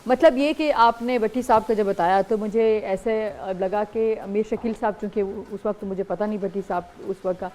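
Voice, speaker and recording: A woman's voice: medium pitch, few pauses, darkish tone, a little hiss or hum. A woman hosting an interview, putting long questions to her guest and steering the conversation back on track. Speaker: interview host.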